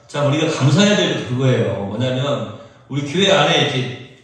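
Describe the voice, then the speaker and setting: A male pastor preaching a sermon with lively emphasis, putting questions to the congregation. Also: mid-range voice, fairly quick. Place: church sanctuary. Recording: roomy church sound from a distant mic.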